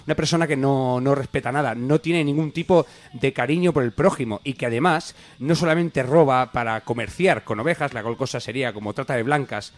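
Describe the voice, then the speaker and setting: A man's voice: mid-range voice, fairly quick, few pauses. A man from co-hosting a comedy radio magazine, rambling in a mock-serious, ironic way. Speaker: radio show co-host.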